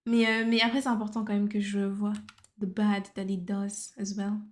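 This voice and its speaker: A woman's voice: medium pitch, level tone, moderate pace. A woman streamer chatting casually while she draws, slipping English phrases into her talk and muttering to herself as she works. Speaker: art livestreamer. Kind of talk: casual livestream chat while drawing.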